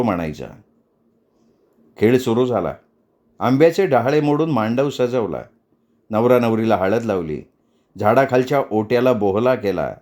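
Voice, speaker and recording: A man reading a novel aloud as a storyteller, in a measured, even narration. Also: mid-range voice.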